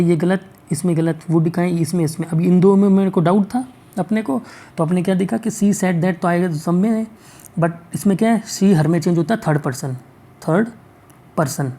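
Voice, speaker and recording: A male teacher going through exam questions, reading the English sentences out slowly and checking in often to ask whether it is clear. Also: sits high, warm tone. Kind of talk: exam-prep lesson.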